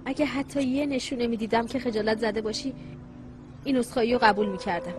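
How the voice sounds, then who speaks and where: A woman's voice: on the high side, over music, natural voice. [name], a woman dubbing a sarcastic young wife. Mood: scornful. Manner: sharp, sarcastic, accusing. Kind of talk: Persian dub of a Turkish drama.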